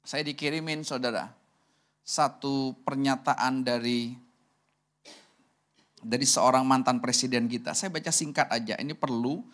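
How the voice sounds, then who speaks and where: A male pastor preaching at a church service in an emphatic manner. He swings between forceful emphasis and near-hushed asides. He keeps turning to address the congregation. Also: mid-range voice, fairly even intonation, measured pace, pauses often. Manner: emphatic, swings from loud to very soft. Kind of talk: sermon.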